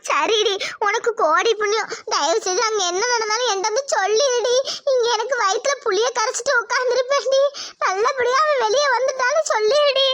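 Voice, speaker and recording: A woman's voice: brisk, fairly bright tone. A woman voicing an anxious, middle-aged village mother in a cartoon, who wails and pleads. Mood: pleading. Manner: wailing, pleading, high-strung. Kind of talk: cartoon voice acting.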